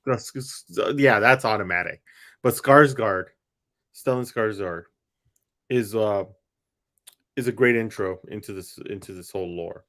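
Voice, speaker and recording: A man's voice: lowish voice, measured pace, pauses often, fairly bright tone. A man co-hosting a casual chat about a TV premiere, easygoing and teasing. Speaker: watch party co-host. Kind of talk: casual pop-culture chat.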